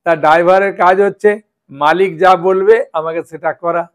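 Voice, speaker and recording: A man's voice: sits high, steady tone, normal speed. A man teaching a scripture class, explaining with stories and checking in with his listeners often. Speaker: Gita teacher.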